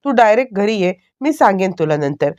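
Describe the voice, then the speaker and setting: A woman voicing a firm middle-aged mother who calms her daughter and gives orders. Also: mid-range voice, brisk, lo-fi sound, close to an everyday voice. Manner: firm, soothing.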